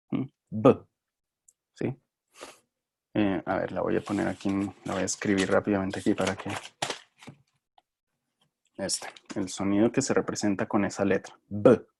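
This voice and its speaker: Male teacher, low voice, casual lecturing, hesitant with fillers, turns to the students with questions. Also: creaky, dark tone, slightly rough. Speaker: phonetics teacher. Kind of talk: recorded lecture.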